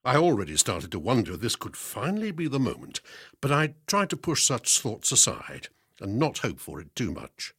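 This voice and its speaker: Husky male storyteller, lively delivery. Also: medium pitch, normal speed, no room sound. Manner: lively, expressive storytelling with dry humour. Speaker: reader. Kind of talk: scripted story reading for hospital radio.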